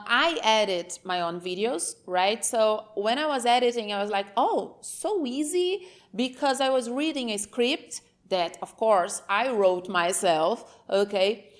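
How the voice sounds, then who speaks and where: Speaking off the cuff to camera on her own channel, this Portuguese-native woman from Brazil has a Brazilian Portuguese accent and a voice on the higher side. She's candid and somewhat meandering, repeatedly checking in with listeners by saying "okay?"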